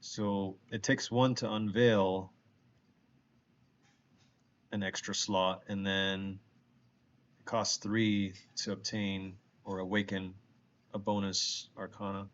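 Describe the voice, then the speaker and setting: A streamer, congested from allergies, chats casually with viewers while gaming and reasons through his choices out loud. His voice is on the low side with a flat, slow delivery and frequent pauses, and the audio is dull with a little hiss or hum.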